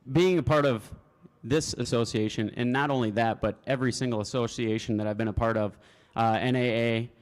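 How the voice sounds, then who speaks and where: A man, an auctioneer contestant, giving spoken interview answers to a room. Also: mid-range voice. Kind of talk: spoken interview answers before a live audience.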